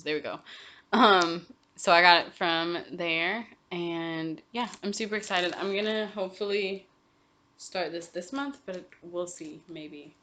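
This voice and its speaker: A young woman with a somewhat low voice talks casually about her stitching projects. She rambles, stops to correct herself and fills the pauses with ums. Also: a bit bright. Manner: chatty, rambling, many ums and self-corrections. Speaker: cross-stitch vlogger. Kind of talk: casual chat.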